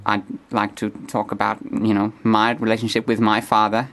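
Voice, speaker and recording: A man speaking as a comedy guest in a halting, hesitant, deadpan manner. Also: fairly low pitch. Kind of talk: deadpan character comedy interview.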